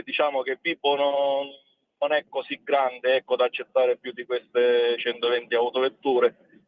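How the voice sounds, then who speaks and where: A man calling in on speakerphone while driving, explaining plans in a halting, step-by-step way as an event organizer. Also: mid-range voice, no room sound. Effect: on speakerphone over a phone line while driving. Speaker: phone-in guest, event organizer. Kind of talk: casual phone chat on radio. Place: in a car. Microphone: hands-free car speakerphone. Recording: dry, tinny phone line.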